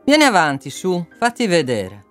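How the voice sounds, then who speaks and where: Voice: medium pitch, wildly swooping pitch, normal speed, faint music behind. A narrator voicing a coarse, mocking fifty-year-old male factory boss in an audiobook, with a scornful, bullying, teasing manner. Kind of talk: audiobook character reading.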